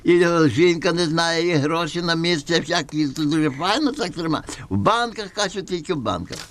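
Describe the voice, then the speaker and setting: A man's voice: fairly high pitch, expressive, moderate pace, fairly bright tone. A man playing a garrulous, folksy sixty-year-old villager with a Galician western Ukrainian accent in a puppet comedy. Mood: confiding. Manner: garrulous, folksy, repeating himself. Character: chatty sixty-year-old village man giving foolish homely advice. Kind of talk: folk puppet theatre comedy.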